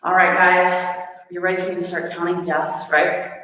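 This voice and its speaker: A woman's voice: lowish voice, flat delivery, normal speed, sharp tone, a little hiss or hum. A woman fitness instructor leading a live workout class, coaching in an upbeat way, counting reps aloud and joking about her own effort. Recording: echoey room with long reverb.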